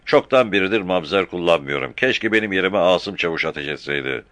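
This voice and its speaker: A man's voice: sits low, animated, a little fast, a bit bright, dry recording. A man voicing a stern, short-tempered army captain who gives curt orders, in an audiobook. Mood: commanding. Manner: curt, commanding.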